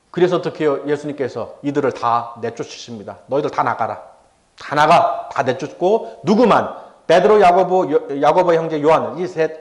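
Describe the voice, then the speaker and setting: A middle-aged man preaching a sermon as pastor. He dramatizes the voices of scoffers and of Jesus, and he calls out to the congregation for amens. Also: a little high.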